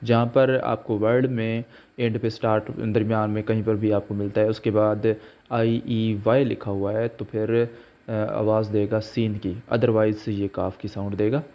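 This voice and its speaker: Pronunciation teacher, male, very slow and deliberate, muffled lo-fi sound. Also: fairly low pitch, little pitch movement. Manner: slow, deliberate, spells out letters and example words. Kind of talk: slow explanatory lesson. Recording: dull lo-fi recording.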